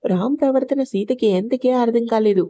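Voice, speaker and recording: A woman reading an emotional love story aloud as a steady storyteller. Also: a little high, a little fast, no echo. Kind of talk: audio story narration.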